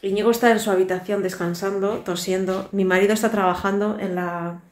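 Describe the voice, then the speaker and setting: A native Basque speaker in her thirties, with a Basque Spanish accent, talks briskly in a mid-range, slightly mellow voice with fairly even intonation. The tired family vlogger chats and rambles into her arm's-length phone camera, dropping weary asides, inside an echoey tiled kitchen at home.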